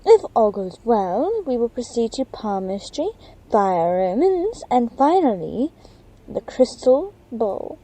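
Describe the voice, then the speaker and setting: Woman as high, airy mystic divination professor. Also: sing-song, mellow, heavily acted, low-quality recording. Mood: ominous, airy. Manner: dramatic, portentous, drawn-out delivery. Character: airy, theatrical, mystical female divination professor foretelling doom.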